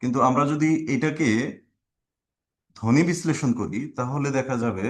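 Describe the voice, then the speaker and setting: A man teaching a grammar lesson, slowly spelling out sounds and letters one by one as he explains. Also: medium pitch, animated. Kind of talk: grammar lesson for exam preparation.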